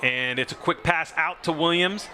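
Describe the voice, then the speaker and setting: A man doing play-by-play for a high school football broadcast, conversational with frequent fillers. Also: normal speed, sharp tone, some chatter behind, slight background noise. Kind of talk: local sports commentary.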